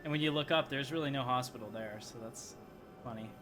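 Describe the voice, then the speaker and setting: Fairly quick and mid-range, a male livestream host chats casually to viewers and rambles as he thinks aloud while playing. Game music sounds in the background.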